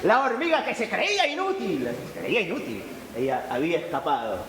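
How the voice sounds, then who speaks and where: A man, a storyteller telling a fable live to an audience in an animated, expressive way. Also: high voice, brisk, echoey room, crowd noise, poor audio. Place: event hall at a book fair.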